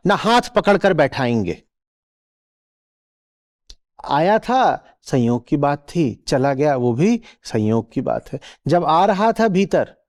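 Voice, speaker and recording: Male spiritual teacher, higher voice, swinging intonation, rhetorical and questioning. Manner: rhetorical questions, checks listeners follow; acts out little quoted voices. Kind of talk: spiritual discourse to a live audience.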